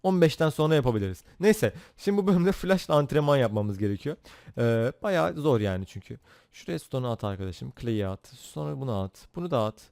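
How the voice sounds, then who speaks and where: An excitable young man chatters through a Minecraft session, joking and reacting to the game as he goes. His voice is smooth and crisp, recorded dry and close with no room sound. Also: mid-range voice, a little fast, dry recording. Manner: excitable, jokey, talks to himself while playing. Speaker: gaming YouTuber. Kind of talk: Minecraft let's play commentary.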